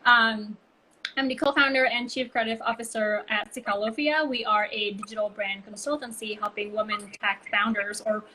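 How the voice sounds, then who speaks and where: A woman from Bali, Indonesia, co-founder of a brand consultancy, chats as a guest in a casual interview over a video call, telling stories full of "like" and "um" fillers. Her voice is a little high, bright and forceful, with a steady tone and moderate pace. The low-quality recording has slight background noise.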